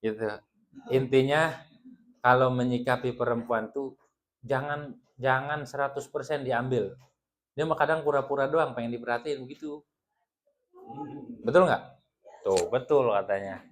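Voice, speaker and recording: An Islamic teacher leads a women's religious study group, joking, teasing, and laughing often with his listeners. His medium-pitched voice is a little slow and full of pauses.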